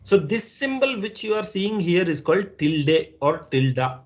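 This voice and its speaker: A man's voice: high voice, sing-song, a little slow. A man with an Indian English accent teaching a live online class, patiently repeating points and checking that students understand. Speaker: instructor.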